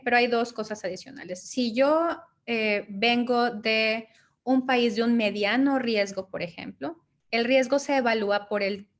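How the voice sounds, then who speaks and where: A woman advising on migration in an interview, answering methodically and checking in with short tag questions. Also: medium pitch. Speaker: migration and study-abroad advisor.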